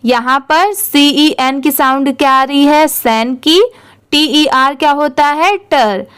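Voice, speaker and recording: A woman with a high voice and an Indian accent teaches English reading, spelling out each word one letter at a time. She speaks slowly and patiently, often asking a question and then answering it herself. The sound is dry and close to the mic. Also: steady tone, fairly bright tone, dry recording. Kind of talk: slow spelling-out lesson.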